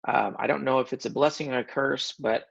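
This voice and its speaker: Man, gravelly voice, casual storytelling, joking manner, lots of restarts, muffled lo-fi sound. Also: medium pitch, a little fast. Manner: animated, self-described funny guy, frequent restarts. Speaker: guest sharing a personal story. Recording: dull lo-fi recording.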